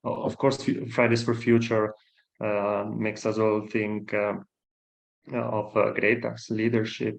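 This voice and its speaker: A man's voice: on the low side, creaky, dull audio. Hesitant male panel moderator. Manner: hesitant, many fillers. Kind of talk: panel discussion.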